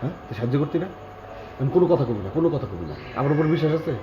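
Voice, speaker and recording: An actor playing a flustered bachelor who talks in a hushed, urgent way. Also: male voice, mid-range voice, animated, rapid-fire, natural voice. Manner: hushed and urgent, pleading for quiet. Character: flustered bachelor hiding a foreign woman. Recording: echoey, dull and noisy location sound.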